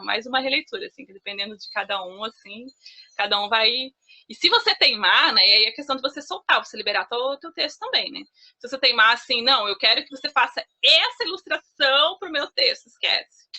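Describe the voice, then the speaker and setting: Woman from Brazil, writing workshop leader, very bright tense tone, chatty, many fillers, laughs easily. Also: on the high side. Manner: laughs easily while explaining. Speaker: author of children's stories and poems. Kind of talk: informal teaching talk.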